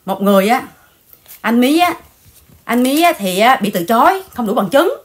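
A woman hosting a casual livestream chat, animated and repetitive, speaking straight to her viewers. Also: on the high side, moderate pace. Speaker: channel host.

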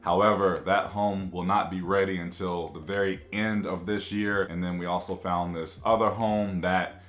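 A man's voice: sits low, moderate pace. A man in his thirties, a vlogger chatting casually to camera from his home office, gesturing a lot as he talks. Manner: animated, gestures a lot with both hands. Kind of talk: casual to-camera vlog chat.

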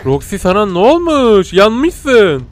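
Joking, laughing man with lively voice. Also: sits high, takes it slowly, a little hiss or hum. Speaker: YouTube host. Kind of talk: reaction commentary.

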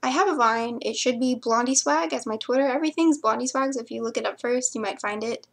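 A woman's voice: a little high, fast talker, gravelly. A young woman chatting casually to camera, answering viewer questions and rambling into mumbled asides.

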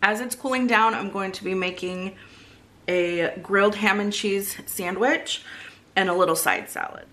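A woman in her thirties, a home cook and vlogger, gives viewers casual cooking instructions in her home kitchen. Her mid-range voice is a little slow and fairly bright. Sizzling food, stirring, and frying noise come through clearly.

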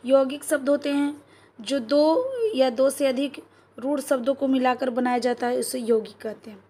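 Woman teacher, Bihari accent, high voice, exam prep lesson, keeps asking "clear?". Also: steady tone, moderate pace, dark tone. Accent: Bihari Hindi. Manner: keeps asking the class "clear?" and answers her own questions.

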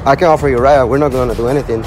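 A man loudly and insistently offering a ride from his car, outdoors. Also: medium pitch, fairly even intonation, racing, over music. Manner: loud, insistent, coaxing. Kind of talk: casual chat.

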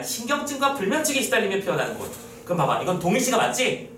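Young male exam-prep lecturer, playful and chatty, faint room hiss behind. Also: on the high side. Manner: lively, teasing, talks to students casually. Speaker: Korean literature lecturer. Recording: echoey room, mic at a distance.

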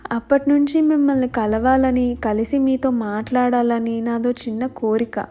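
A woman voicing a sly male cat who pleads and flatters, pretending to be pious, in a storybook tale. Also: fairly high pitch, moderate pace, muffled recording, close to an everyday voice. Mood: flattering. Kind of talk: storybook voice acting. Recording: faint music underneath.

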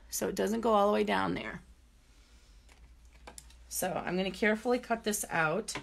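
A woman's voice: fairly low pitch, gravelly, slight background noise. A woman giving a chatty live-stream embroidery demonstration, greeting viewers and talking through each step as she works.

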